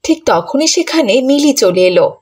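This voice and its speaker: A woman's voice: high-pitched, sing-song, moderate pace, a little mellow. A woman narrating a cartoon story in a scripted, emotive style. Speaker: narrator and voice of the mother.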